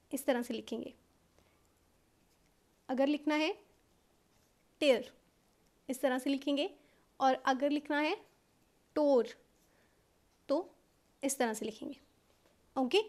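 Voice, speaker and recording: A woman with an Indian accent teaching a shorthand lesson step by step. She explains patiently, checks in with "okay" often, and slows down to dictate rules. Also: high-pitched. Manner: patient explaining, frequent "okay" checks, mixes English terms into Hindi; slows right down to dictate English rule lines.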